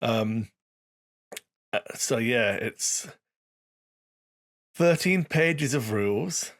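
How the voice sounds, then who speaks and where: A man's voice: mid-range voice, expressive, very slow. A man co-hosting a casual hobby podcast, talking in a dry, sarcastic way that stops and starts with fillers. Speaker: podcast co-host.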